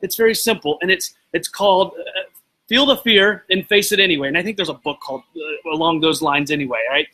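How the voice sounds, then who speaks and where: A man talks straight to his live viewers in a loose, rambling style. His voice sits a bit high and has a bright, forceful edge. He gets excited as he goes and breaks off to greet people by name. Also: brisk, slightly rough, poor audio. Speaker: host of a live video show. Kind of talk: casual motivational talk to live viewers.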